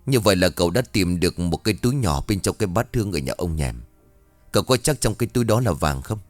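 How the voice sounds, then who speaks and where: A man's voice: sits low, animated, fast talker, no echo, faint music behind. A man voicing a composed, methodical police captain questioning a suspect. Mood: calm.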